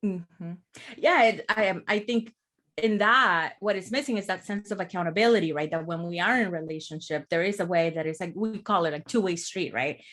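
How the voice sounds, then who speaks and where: This podcast guest, a therapist from El Salvador, has a lowish, slightly bright voice and talks a little fast. In the casual conversation she's reflective and explanatory, frequently adding "right?".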